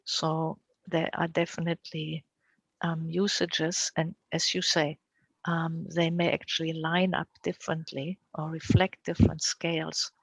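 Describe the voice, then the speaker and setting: Invited woman speaker on a video call, gravelly and dry, thoughtful and full of fillers. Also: sits low, flat delivery, measured pace, dry recording, rough recording. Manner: thoughtful, many fillers and "right?" tags. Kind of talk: answering audience questions.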